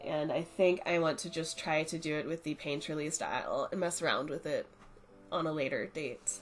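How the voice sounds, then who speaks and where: With faint music behind her, a young woman narrates a casual art review, congested from a cold as she walks through her art supplies. The art channel host sounds low-pitched, speaks at normal speed, and stays chatty and relaxed, explaining as she goes.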